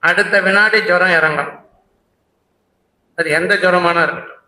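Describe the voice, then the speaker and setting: A man's voice: high voice, fairly even intonation, a little slow, sharp tone, reverberant, poor audio. A man giving a devotional discourse at a religious conference, telling a sacred story and breaking into rhythmic hymn recitation. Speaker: Saivite religious speaker. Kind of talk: devotional discourse with chanted hymns. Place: conference hall.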